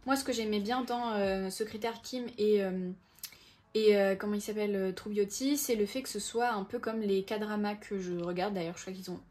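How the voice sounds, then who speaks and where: A woman's voice: medium pitch, fairly even intonation, moderate pace, a little mellow. A woman in her twenties chatting casually through a book haul video, often hesitating and correcting herself. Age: 20s. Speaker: book vlogger.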